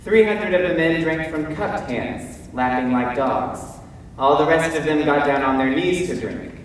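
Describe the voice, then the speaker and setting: A stage actor delivers a dramatic monologue as Gideon, the fearful, self-doubting biblical warrior, telling his story in a high voice. The acting is light but theatrical and emphatic, with deliberate pauses and hesitant stammers that convey a daunted mood. A distant mic in an echoey hall picks up faint noise.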